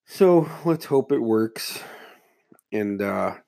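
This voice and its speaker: This lowish, gravelly, mellow voice is animated yet very slow: a man hosting a casual solo podcast while sick. Stuffy-nosed, muffled and congested, with a slight cough, he rambles in a laid-back way and swears plenty.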